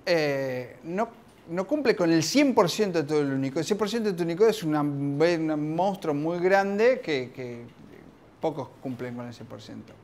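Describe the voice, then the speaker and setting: A man with an Argentine accent giving an informal, lively technical talk at a conference, often restarting his sentences. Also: fairly high pitch, normal speed. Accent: Argentine Spanish. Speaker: conference speaker. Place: conference room.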